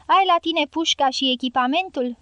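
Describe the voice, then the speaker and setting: A wary soldier questions a stranger in short, commanding orders, as a woman voices him in an audiobook. The voice is high and bright, recorded close and dry. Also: no echo, lo-fi sound. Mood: suspicious orders. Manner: suspicious, commanding. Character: wary male soldier guarding a trench.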